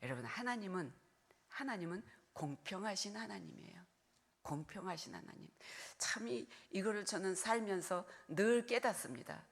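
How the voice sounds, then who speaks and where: A woman's voice: mid-range voice, expressive, moderate pace. A retired older woman pastor preaching a sermon, earnestly urging her congregation to share the burden with her. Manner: earnest pleading, direct address to congregation.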